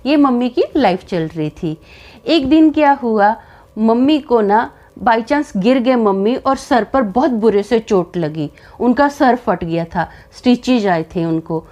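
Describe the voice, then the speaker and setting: A woman's voice: a little high, expressive, takes it slowly, a little mellow. A woman casually telling a personal family story in a chatty, conversational way. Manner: chatty, conversational, with frequent fillers.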